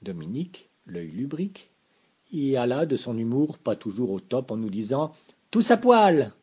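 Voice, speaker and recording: A man reading a comic story aloud in a lively, mock-dramatic manner. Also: medium pitch, normal speed, husky.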